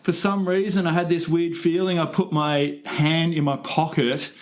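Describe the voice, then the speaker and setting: A man's voice: a little high, little pitch movement, moderate pace. An Australian man, a podcast co-host, telling a travel story in casual chat, swearing freely.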